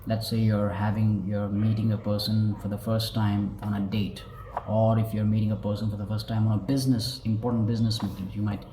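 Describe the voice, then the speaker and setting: Low, mellow-voiced man explaining. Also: flat delivery, fairly quick, slight background noise. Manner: casual, rambling with fillers and acted examples. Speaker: body language educator. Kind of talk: explanatory talk to camera. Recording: echoey room with faint ambience.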